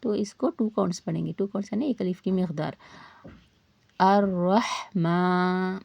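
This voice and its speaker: Gravelly-voiced woman teaching Quran recitation. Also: mid-range voice, expressive, dark tone, dry recording, dull audio. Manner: patient, repeats points, asks learners questions; slows down to model Arabic sounds. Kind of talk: step-by-step tajweed lesson.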